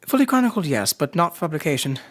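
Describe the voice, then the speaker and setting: An actor playing a genial, loyal Victorian gentleman doctor in an audio drama, speaking politely and in measured phrases. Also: fairly high pitch, big pitch swings. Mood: mild, measured.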